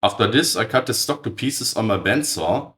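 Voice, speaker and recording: Hoarse man with a cold, lowish raspy voice, matter-of-fact technical narrator. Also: lively intonation, moderate pace, fairly bright tone. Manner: precise, matter-of-fact, blunt verdicts on tools. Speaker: channel host.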